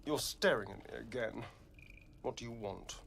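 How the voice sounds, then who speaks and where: An actor playing a weary, aloof city magistrate in a fantasy game, dry and languid. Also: male voice, medium pitch, normal speed, vocal fry, a bit bright, a little hiss or hum. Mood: aloof, bored. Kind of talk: video game character dialogue.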